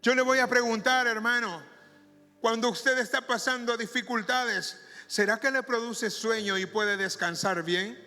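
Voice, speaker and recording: A male pastor preaching a sermon in a church, slow and emphatic, drawing out his phrases. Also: very high voice, fairly even intonation, sharp tone. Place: church sanctuary. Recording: reverberant church hall with music behind.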